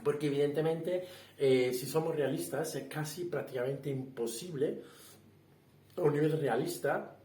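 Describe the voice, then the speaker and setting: A language teacher gives a casual spoken lesson, explaining with fillers, restarts and rhetorical questions. His voice is a little high and mellow, at a moderate pace. The recording has a roomy echo and he sounds somewhat far from the mic.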